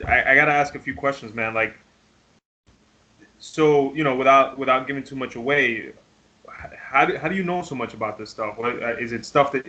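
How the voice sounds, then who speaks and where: A man's voice: medium pitch, sharp tone. A man in his late thirties asking questions on a podcast in a laid-back way, peppering his talk with "man" and "like". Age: late 30s. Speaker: interviewer. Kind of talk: casual podcast conversation. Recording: dull lo-fi audio.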